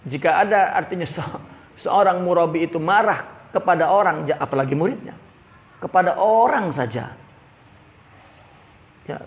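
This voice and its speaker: A man giving a religious lecture on a classical Arabic text, mixing Arabic phrases with lively slang. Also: high-pitched, moderate pace, long pauses. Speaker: religious teacher. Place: religious study gathering.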